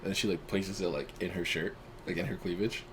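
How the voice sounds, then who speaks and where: A man's voice: low voice, fairly even intonation, brisk. A young man co-hosting a casual chat podcast, a laid-back storyteller who fills his talk with "like". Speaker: podcast co-host. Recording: clear background noise.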